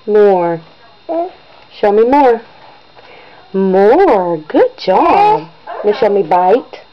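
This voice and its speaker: A woman's voice: mid-range voice, sing-song, extremely slow. Coaxing mother in baby talk. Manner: coaxing, sing-song, repeats simple words. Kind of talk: baby talk with her child on home video. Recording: dull lo-fi home video.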